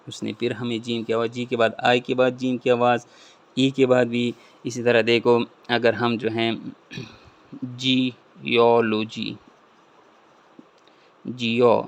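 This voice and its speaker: Gravelly flat-voiced man teaching phonics. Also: mid-range voice. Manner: repeats example words and asks questions he answers himself. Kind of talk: classroom-style explanation.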